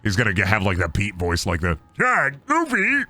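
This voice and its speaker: A man doing comedic commentary on a game stream, crude, joking and animated. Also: low-pitched, quick pace, faint music behind. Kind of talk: comedic let's-play commentary.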